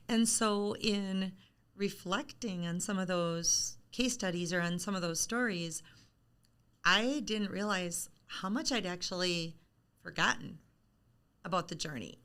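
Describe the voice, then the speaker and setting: A middle-aged woman speaks frankly and chattily as a guest on a live-stream interview, poking fun at herself as she goes. Her voice has a bright, clear edge at an everyday pitch. She talks over a video call. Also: a little slow. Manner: frank and chatty, with self-deprecating humor. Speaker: author being interviewed.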